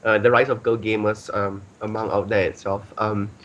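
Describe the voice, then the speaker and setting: A man's voice: on the low side, flat delivery, normal speed, a bit bright, muffled recording. A man hosting a casual podcast, rambling with many ums and filler phrases. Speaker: podcast host.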